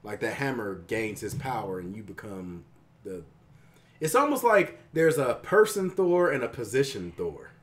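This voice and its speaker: Hesitant, thoughtful man with lively pitch. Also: moderate pace. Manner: thoughtful, hesitant, many fillers, explains points. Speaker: podcast co-host. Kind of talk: casual chat.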